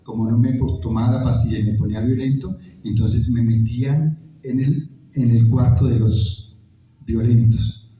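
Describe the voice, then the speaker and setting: A man's voice: mid-range voice, fairly even intonation, moderate pace, dark tone, distant mic. Colombian man, echoey hall testimony. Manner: emotional storytelling, acts out crowd voices. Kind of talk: testimony talk.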